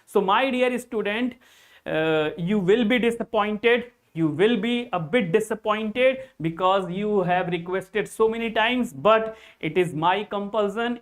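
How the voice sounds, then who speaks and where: Slow-spoken Indian English teacher. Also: male voice, high voice. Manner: repeats key points, addresses students directly. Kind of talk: online exam-prep English lesson.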